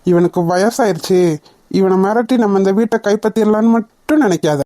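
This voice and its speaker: A woman voicing a greedy, threatening older uncle in a cartoon, talking low and slow. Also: warm tone, no room sound, clean studio sound, lightly acted. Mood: scornful. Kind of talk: cartoon dubbing.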